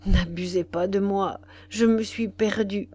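A woman voicing a married woman torn between guilt and love, confessing in a breathless, hushed way, in an audiobook reading. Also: medium pitch, steady tone, measured pace, husky. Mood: anguished. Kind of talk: audiobook character voice.

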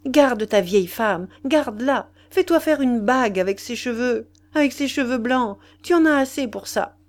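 A woman's voice: lively intonation, normal speed, darkish tone. A woman reading aloud, voicing a jealous young mistress who mocks and rages at her lover. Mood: scornful. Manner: shrill, mocking and furious.

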